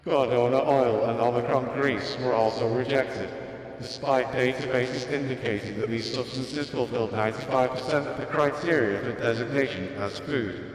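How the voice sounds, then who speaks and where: A man's voice: mid-range voice, moderate pace, natural voice. A man doing a stiff robot unit voice. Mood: flat. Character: emotionless robot assistant unit. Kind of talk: fan voice-over of game dialogue. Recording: very echoey room with long reverb.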